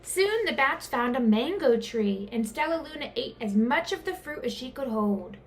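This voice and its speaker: A woman reading a children's picture book aloud as an expressive storyteller. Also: high voice, moderate pace. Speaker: storyteller, teacher.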